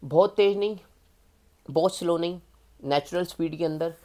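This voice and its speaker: Indian guy doing a chill exam tips tutorial, mellow voice, talks to you like a buddy. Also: fairly high pitch, normal speed. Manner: chatty and informal, calling the viewer "yaar" and "bhai". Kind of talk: casual spoken tutorial.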